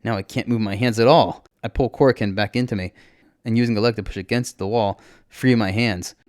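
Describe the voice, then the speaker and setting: Low-ish guy reading his story aloud, first person, very dry close sound. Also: steady tone, a little fast, darkish tone, no echo. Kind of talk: first-person audiobook narration.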